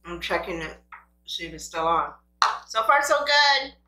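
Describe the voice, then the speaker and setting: A woman's voice: lowish voice, big pitch swings, measured pace, bright, forceful tone, soft background music. A woman vlogger chatting casually and playfully to camera as she eats, talking between bites with little mm sounds. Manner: talks between bites with small appreciative mm sounds; playful self-talk, grumbling at the food. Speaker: mukbang vlogger. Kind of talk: casual chat to camera while eating. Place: room at home. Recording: roomy, echoing indoor sound.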